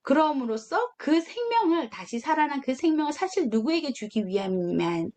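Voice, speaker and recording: A young woman gives a children's sermon in a slightly high, very animated voice. She tells it like a story, asks the children questions and voices the characters with expressive swings. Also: moderate pace. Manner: storytelling, acts out dialogue with lively voices. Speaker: children's ministry preacher.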